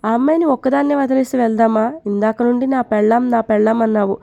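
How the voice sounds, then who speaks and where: A young male friend teases in a joking way, as a woman storyteller takes him on. The voice is somewhat high and mellow. The recording sounds dull and lo-fi. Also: steady tone, fast talker, creaky. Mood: teasing. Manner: teasing.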